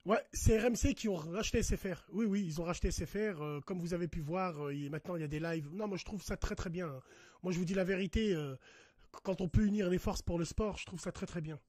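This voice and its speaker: A man's voice: high-pitched, quick pace, darkish tone, no room sound, studio quality. A man doing a casual livestream rant. He talks straight to his viewers, swears a lot and gets worked up. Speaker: live streamer.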